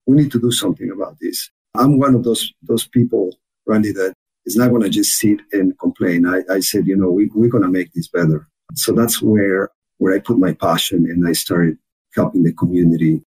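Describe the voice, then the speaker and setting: Ecuadorian-accented man, mellow husky voice. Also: low voice, moderate pace, rough recording. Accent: Ecuadorian Spanish. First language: Spanish. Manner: earnest, many repeated words and restarts. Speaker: guest, chamber of commerce officer. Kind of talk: podcast interview.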